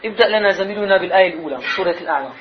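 High-voiced teacher, questioning. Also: male voice. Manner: questioning, drawn-out emphasis on key words. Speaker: Arabic grammar and rhetoric teacher. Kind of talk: classroom lesson. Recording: slightly dull sound, faint noise.

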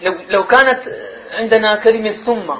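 Male teacher, fairly high voice, quizzes the class, slightly dull recording. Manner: questioning, drawn-out emphasis on key words. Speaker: Arabic grammar and rhetoric teacher. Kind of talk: classroom lesson. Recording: slightly dull sound, faint noise.

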